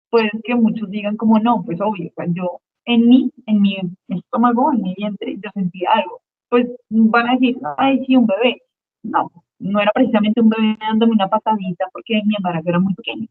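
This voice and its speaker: A woman tells her personal faith testimony as a guest, earnest and emotional, often repeating a phrase to make it land. Her voice sits at a medium pitch. The sound is narrow and tinny, as if carried over a phone line. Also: moderate pace. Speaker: guest giving a religious testimony.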